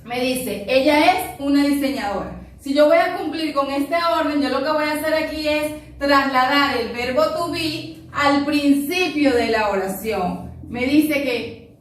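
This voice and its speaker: High-voiced teacher in an echoey room. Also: female voice, a little slow, distant mic. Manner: explains step by step, checks in with "ok?" after each point. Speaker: English teacher. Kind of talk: recorded classroom lesson.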